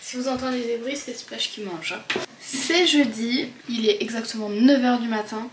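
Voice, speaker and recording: A young woman of eighteen chatting to camera in a loose, informal vlog. Her voice sits a little on the high side, and her speech is full of fillers and casual slang. The chat rambles along. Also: fairly even intonation, fairly quick, heavy background noise. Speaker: vlogger.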